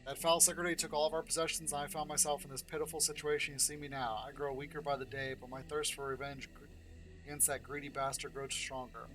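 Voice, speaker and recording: A man's voice: fairly high pitch, flat delivery, quick pace, a bit bright, soft background music, natural voice, low-quality recording. A man reading a bitter ruined woman. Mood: angry. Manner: reads the lines aloud with light emphasis. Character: bitter impoverished woman seeking revenge. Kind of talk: reading game dialogue aloud.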